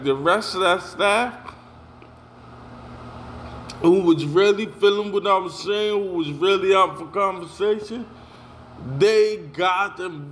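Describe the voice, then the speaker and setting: A man's voice: sits high, fairly bright tone, a little hiss or hum. A young man telling a heated story about being pushed out of a job, in a casual rant full of slang and repeated "yo". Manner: heated, repetitive, street slang, says "yo" a lot.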